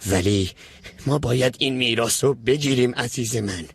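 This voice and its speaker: An actor playing a scheming, desperate uncle in debt who rambles and pushes others, in a dubbed TV drama. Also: male voice, mid-range voice, slightly rough, no echo. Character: scheming, desperate middle-aged man. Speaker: uncle in debt chasing an inheritance.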